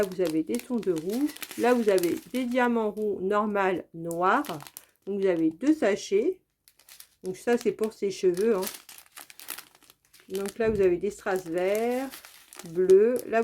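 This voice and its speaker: A woman's voice: medium pitch, dark tone, slight background noise. A woman from France narrating a casual craft unboxing as host of her channel, chatty and repetitive, with many fillers. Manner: chatty, repeats "donc" and "très, très" often.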